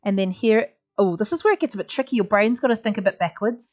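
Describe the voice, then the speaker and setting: A woman's voice: mid-range voice, expressive, fast talker, darkish tone. A woman teaching a live online drawing lesson, chatty and encouraging, making little sound effects as she draws. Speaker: art teacher. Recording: slightly dull lo-fi audio.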